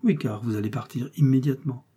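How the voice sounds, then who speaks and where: A man's voice: mid-range voice, brisk, mellow, slightly rough, lightly acted. A man reading the part of a haughty aristocratic count in an audiobook, speaking in a cold, cutting manner. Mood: stern.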